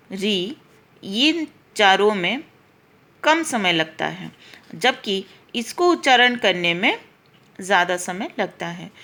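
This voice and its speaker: A woman's voice: mid-range voice, pushed and bright. A woman teacher giving a patient grammar lesson to schoolchildren, spelling out letters one by one and repeating her explanations. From India.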